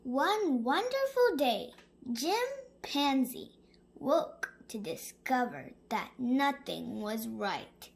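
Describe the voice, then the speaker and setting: Very animated woman reading a bedtime story. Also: sits high, creaky, husky. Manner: animated, dramatic, with suspenseful pauses. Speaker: storybook reader. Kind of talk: expressive read-aloud of children's bedtime stories.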